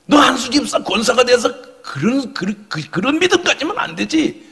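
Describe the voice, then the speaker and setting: A man voicing a stern male church elder who scolds with rapid-fire rebuking questions. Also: very high-pitched, sing-song, a bit bright, in a large hall, pitched above the performer's own voice, full character voice. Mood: scolding.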